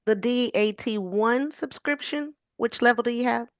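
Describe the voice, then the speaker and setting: A woman's voice: fairly high pitch, normal speed, no room sound. A woman taking part in an online workshop, asking questions and chiming in with affirmations over muffled call audio. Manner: asks questions, chimes in with affirmations. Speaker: workshop participant.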